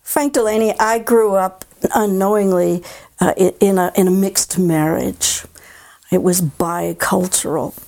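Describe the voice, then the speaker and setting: A woman's voice: mid-range voice, fairly even intonation, measured pace, creaky, a little mellow. A woman interviewing conversationally, in a musing, personal manner.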